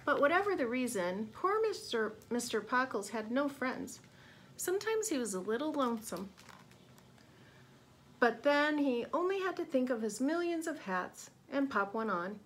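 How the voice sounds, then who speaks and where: Expressive woman reading a picture book aloud. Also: high voice, moderate pace, slight background noise. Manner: expressive, asks young listeners questions. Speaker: read-aloud narrator.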